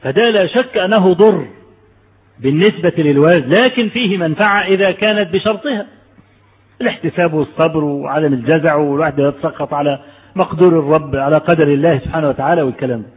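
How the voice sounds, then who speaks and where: Speaking with an Egyptian Arabic accent, a man delivers a conversational sermon, telling stories and posing rhetorical questions to his listeners. His voice is fairly high and slightly rough, and he talks at a quick pace. The audio sounds narrow and tinny, with a long reverb tail.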